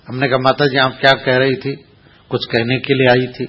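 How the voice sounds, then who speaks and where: Man, religious storyteller, folksy sermon, husky voice, dull lo-fi sound. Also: medium pitch, flat delivery, moderate pace. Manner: folksy, mimics accents for laughs. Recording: muffled lo-fi recording.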